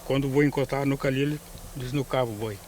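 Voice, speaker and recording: Brief: man, mid-pitched, vivid folksy recollection, faint outdoor buzz behind. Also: fairly even intonation, racing, darkish tone, slight background noise. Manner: plainspoken, vivid with demonstrations. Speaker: interviewee recalling his father's work. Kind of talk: casual storytelling.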